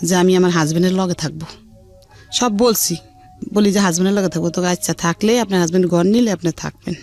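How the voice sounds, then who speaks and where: Her voice sits on the low side and moves fairly quickly. A middle-aged woman with colloquial Dhaka Bengali speech, she is a radio show guest candidly narrating her life, reenacting conversations in an earthy, unpolished, spirited way. Background music plays.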